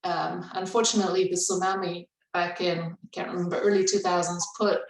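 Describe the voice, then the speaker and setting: Raised in Indonesia, this woman works as a cultural humility trainer and speaks in a webinar conversation with reflective warmth and easy laughter. Her voice is lowish and level, a little fast, picked up by a distant mic in a roomy space.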